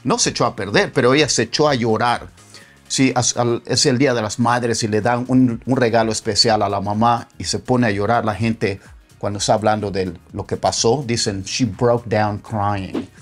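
Man teaching phrasal verbs over soft music. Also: medium pitch. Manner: slow, deliberate model sentences repeated for learners; acts out lively example phrases in a raised voice. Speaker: English teacher. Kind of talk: bilingual language lesson.

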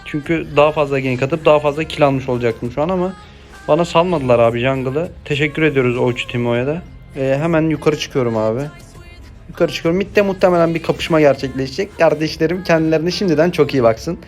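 A young man commentating his own mobile game match, chatty in his asides and excitable in the play-by-play. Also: on the high side, fast, soft background music. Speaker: gameplay streamer. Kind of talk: live gameplay commentary.

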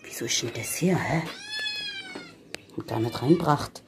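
A woman's voice: very deep voice, a little slow, background noise. A woman from Germany vlogging outdoors in a hot village yard, chatting to viewers and coaxing her animals with pet names. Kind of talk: casual vlog talking to viewers and animals.

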